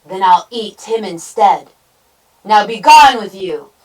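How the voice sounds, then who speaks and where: Heard a little way from the mic, a slobbering, greedy troll acted by a woman bellows and roars. He is a bullying storybook monster, pitched up and loud. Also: very animated, slow, distant mic, poor audio. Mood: roaring, greedy. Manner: roaring and bellowing. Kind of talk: children's storybook read-aloud.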